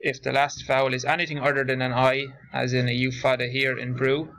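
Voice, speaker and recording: A man teaching a class, slowly and carefully drilling verb forms. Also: medium pitch, level tone, fairly bright tone, rough recording. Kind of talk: classroom lesson recording.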